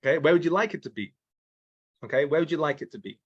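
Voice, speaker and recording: In a lo-fi recording, a man's fairly high, slightly rough voice comes across expressive and quick. He's a sales trainer giving a casual, repetitive lesson on sales calls, restarting his sentences, adding mild swearing and checking in with "okay?" and "right?"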